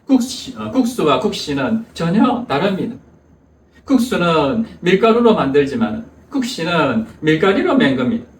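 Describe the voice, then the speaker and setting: A man's voice: fairly high pitch, sing-song, moderate pace, distant mic. A man voicing a stubborn, pedantic older male school principal who curtly insists in a raised voice, heard in an echoey church hall. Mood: insistent. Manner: insists curtly, keeps repeating that the words differ.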